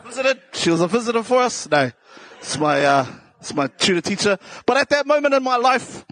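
Brisk and very high-pitched, with big pitch swings and a fairly bright tone, this man performs casual comedic storytelling on stage. He has a South Auckland New Zealand accent and jokes in slangy, self-deprecating speech.

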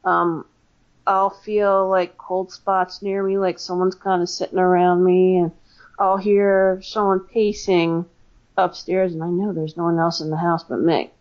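A woman's voice: lowish voice, little pitch movement, measured pace, a little mellow, dull audio. An American woman, a paranormal investigator, telling stories in a casual interview with lots of fillers and restarts. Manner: chatty, many fillers and restarts.

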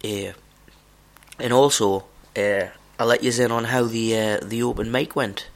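A man's voice: medium pitch, steady tone, unhurried. A man with a broad Scottish accent hosting a podcast solo, rambling casually, with a sweary, self-deprecating manner. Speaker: podcast host.

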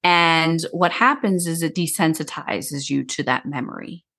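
Low-voiced woman grief counselor. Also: unhurried, fairly bright tone. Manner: chatty, explains in long run-on sentences. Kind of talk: casual interview talk.

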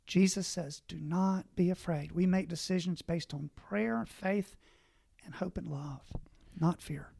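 Earnest priest giving advice. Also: male voice, high voice, measured pace, creaky, a little mellow, dry recording, studio quality. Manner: earnest, exhortative, lists points. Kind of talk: conversational advice on a panel.

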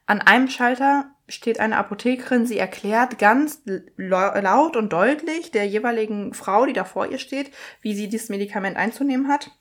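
Lebhafte Frau erzählt eine Alltagsgeschichte. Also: female voice, on the high side, normal speed, few pauses. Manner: lively, acts out other people's lines in quotes; chatty, mixes English words into speech. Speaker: podcast host and coach. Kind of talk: casual storytelling monologue.

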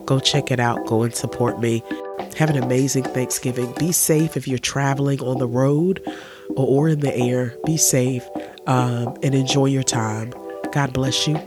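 A man hosting a casual solo podcast while under the weather, speaking in a nasal, stuffy voice and giving earnest, gentle advice. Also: mid-range voice, steady tone, normal speed, music in the background. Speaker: podcast host.

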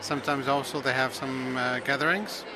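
A man's voice: mid-range voice, fairly even intonation, moderate pace, noisy background. A man from Tunisia answering hesitantly, with many fillers.

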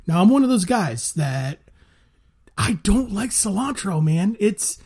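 A man co-hosting a casual food-review chat, relaxed and drawn out, saying "man" a lot. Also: sits high, a little slow, husky. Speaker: podcast co-host.

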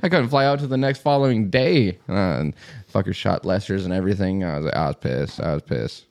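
A man's voice: deep voice, fairly quick, creaky. A man hosting a podcast, talking casually and telling stories with plenty of swearing. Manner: profane, animated storyteller. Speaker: podcast host. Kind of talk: casual chat. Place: lives in South Dakota.

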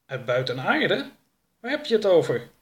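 Man voicing a raised-pitch young male sidekick, eager and deferential, storybook. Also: big pitch swings, noisy background. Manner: dutiful, quick to obey. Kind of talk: audiobook character voice.

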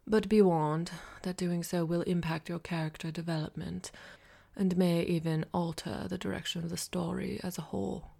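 A woman reading an audiobook, voicing a formal male talking cat who guides a game, in a soft, half-whispered voice. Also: on the low side, steady tone, moderate pace, creaky. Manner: precise, formal and quietly dry.

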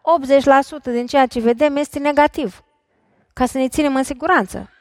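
Lively high-voiced woman therapist on stage. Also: no room sound, clean studio sound. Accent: Romanian. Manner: lively, questioning the audience directly. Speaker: imago couples therapist. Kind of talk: talk on stage before an audience. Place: large concert hall stage.

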